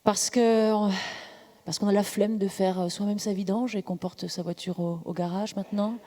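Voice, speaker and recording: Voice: medium pitch, steady tone, normal speed, dark tone, in a large hall. A comic performer leading a parody sermon on stage in a large temple before a live audience, preaching solemnly and building to fervent crying out. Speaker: comic officiant of a mock mass.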